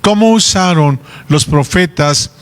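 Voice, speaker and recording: A male pastor preaching a sermon in a church, lively, acting out repetitive prayers to make his point. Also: a little high, slow pace, in a large hall.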